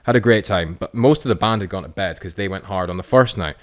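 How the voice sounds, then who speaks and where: A man's voice: sits low, fast. A young man co-hosting a casual podcast chat, telling rambling stories with many restarts and acting out what he said. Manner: rambling storyteller, many restarts, acts out his own quotes. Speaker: podcast co-host.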